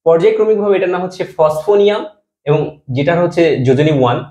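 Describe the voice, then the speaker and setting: A man's voice: high voice, expressive, quick pace, warm tone. A man teaching a chemistry lesson, explaining step by step and answering his own questions, dropping his voice at the end of each compound name.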